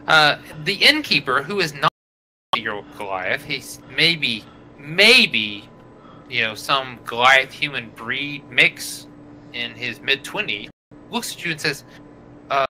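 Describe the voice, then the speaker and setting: A man's voice: medium pitch, sing-song, slow, bright, forceful tone, a little hiss or hum, low-quality recording. A man narrating a tabletop game as game master, rambling with many fillers. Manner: rambling, many fillers, voices innkeeper and villagers.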